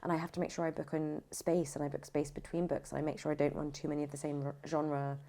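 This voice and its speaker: Speaking as a podcast guest, this woman, a voice actor and audiobook narrator, talks casually and emphatically in an interview, rephrasing frequently. Her deep voice is creaky and dark in tone, level, and fast.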